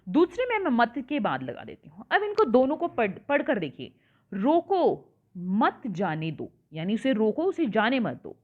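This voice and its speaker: A woman teacher explaining a worksheet lesson to children, patiently repeating points and asking the class questions. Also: a little high. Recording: tinny phone-like sound.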